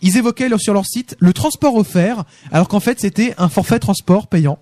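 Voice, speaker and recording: A man's voice: sits high, moderate pace, darkish tone, no echo. Jokey French-speaking man reading tech news. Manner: reads news items with joking asides. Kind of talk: casual live tech news chat.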